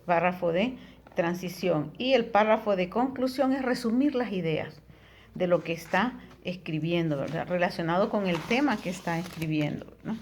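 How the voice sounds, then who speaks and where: A woman's voice: lowish voice, moderate pace, darkish tone, a little hiss or hum. A woman teaching a lesson, explaining patiently, with frequent tag questions and fillers. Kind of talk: recorded Spanish tutoring lesson.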